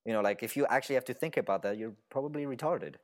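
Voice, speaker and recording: An excitable young man talking through video games on a casual podcast, with a voice of ordinary middle pitch. He laughs easily and leans on "like" as he rambles from one thought to the next. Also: rapid-fire. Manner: excitable, laughs often, says "like" a lot. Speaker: podcast co-host. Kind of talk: casual gaming chat.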